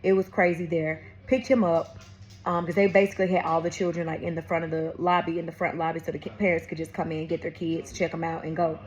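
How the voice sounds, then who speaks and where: A vlogger from Atlanta, USA shares a faith testimony in a casual vlog, speaking fast in a low-pitched woman's voice. She talks straight to her viewers, keeps calling them y'all and baby, and tells the story animatedly, often restarting her sentences.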